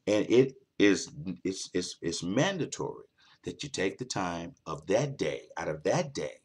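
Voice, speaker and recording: A man's voice: deep voice, breathy edge. A man hosting a late-night talk show, delivering an earnest motivational monologue that repeats its key points for emphasis.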